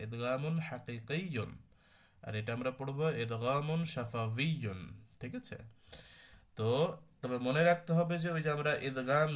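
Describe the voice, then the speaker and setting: A man's voice: medium pitch, a bit bright. A man teaching a Quran recitation class online, talking conversationally, correcting himself and often checking that students follow. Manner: self-correcting, restarts mid-phrase; slow drawn-out recitation of examples.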